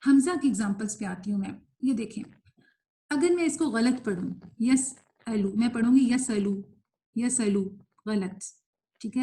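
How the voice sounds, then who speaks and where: Brief: young woman, tajweed teacher in a live online class, brisk explanations with English mixed in, slow drawn-out recitation of examples, fairly high voice. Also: a little mellow. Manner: explains quickly, then recites words slowly and drawn out; mixes in English words while teaching.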